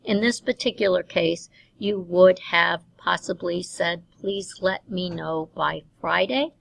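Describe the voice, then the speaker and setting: A middle-aged woman instructor giving recorded feedback on a business writing course, measured and dotted with ums. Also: lowish voice, creaky, fairly bright tone, no room sound, poor audio. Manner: measured, with frequent um fillers.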